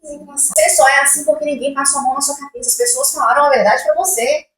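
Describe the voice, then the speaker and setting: A woman in casual podcast chat, making her points in a quick, argumentative way. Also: sits high, fairly bright tone, far from the mic. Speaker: podcast co-host. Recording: echoey room.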